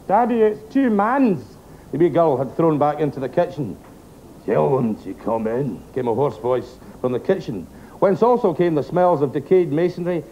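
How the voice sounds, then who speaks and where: A man's voice: on the high side, mellow, dull audio, a little hiss or hum. A man narrating a story in a dry, wry way.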